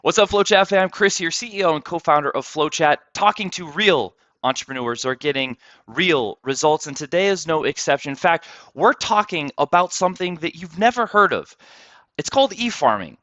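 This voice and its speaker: Male host, hyped and punchy, fairly high and bright, dry dull lo-fi sound. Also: animated, dry recording. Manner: hyped, fast, repeats words. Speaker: podcast host. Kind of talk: energetic interview intro and chat.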